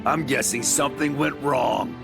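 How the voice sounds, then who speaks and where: A gruff video game fighter, cynical and short on patience. His voice is gravelly and blunt, with music playing behind it. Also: medium pitch, steady tone, moderate pace. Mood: sardonic, impatient. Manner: blunt, sardonic, impatient.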